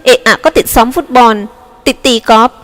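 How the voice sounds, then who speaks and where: Woman putting on a shrill jealous young wife. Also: brisk, close to an everyday voice. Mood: accusing. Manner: shrill, whining, accusing. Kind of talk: audiobook character reading. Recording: long hall reverb.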